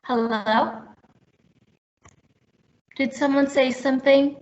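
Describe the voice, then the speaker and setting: A young woman from Sri Lanka talks her coworkers through a presentation in a friendly, chatty way, with plenty of ums. Her fairly high voice keeps cutting in and out on a poor connection. The call audio is dull and lo-fi. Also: steady tone, takes it slowly. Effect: voice cutting in and out over a bad connection. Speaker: presenter at a company brown-bag talk. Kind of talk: casual presentation. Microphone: video call.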